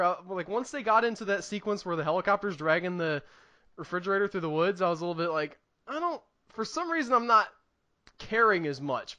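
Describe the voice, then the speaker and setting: Casual movie chat comes from a man co-hosting a film review podcast, who rambles eagerly and emphatically as ideas strike him. His voice is high-pitched, pushed and bright.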